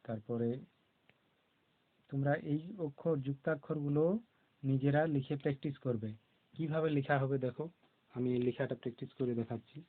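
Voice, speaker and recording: Male teacher, patient, letter-by-letter spelling, mid pitch, phone-quality audio. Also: fairly even intonation, fairly quick, pauses often. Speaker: primary school teacher. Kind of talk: classroom lesson on conjunct letters. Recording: tinny phone-like recording.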